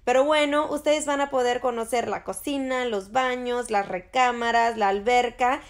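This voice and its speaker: A woman's voice: on the high side, fairly even intonation, normal speed. A woman giving a casual tour of a rented vacation house, gushing and repeating her praise as she walks through it on a handheld phone.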